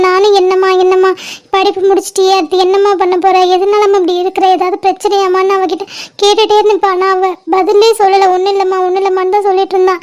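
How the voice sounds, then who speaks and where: A woman's voice: very high-pitched, darkish tone. A woman voicing a weeping cartoon mother. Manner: tearful, pleading, long lament. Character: grieving middle-aged mother of a girl in hospital. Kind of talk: cartoon drama voice acting.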